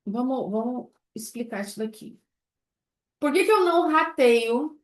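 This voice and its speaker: A woman teaching a live online class, keeping up a lively run of rhetorical questions to her students. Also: sits high, a little slow, roomy sound. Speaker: baking business instructor.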